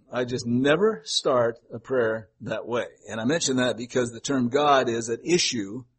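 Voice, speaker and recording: An older man preaching a sermon to his congregation in a conversational, folksy way, wandering into asides and gentle humor. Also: medium pitch, breathy edge. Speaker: pastor.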